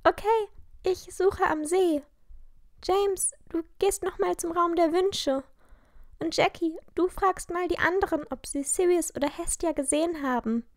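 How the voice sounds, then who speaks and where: A woman's voice: very high-pitched, unhurried, no echo, studio quality, pitched above the performer's own voice. A woman voicing a bold teenage head girl who talks urgently and gives orders. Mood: commanding. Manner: urgent, commanding.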